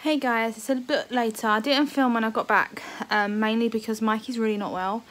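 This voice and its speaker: A woman's voice: fairly high pitch, fairly even intonation, brisk, fairly bright tone. Rambling young woman vlogging. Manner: rambling, hesitant, lots of ums. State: heavily pregnant, uncomfortable. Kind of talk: casual family vlog chat. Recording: faint background noise.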